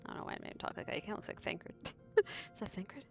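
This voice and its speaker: A woman's voice: mid-range voice, very animated, creaky, dull audio, soft background music. A woman chatting casually and playfully while she streams a game at home. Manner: playful, chatty, quick to laugh. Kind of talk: casual let's-play commentary. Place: home, with her cat. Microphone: desk microphone.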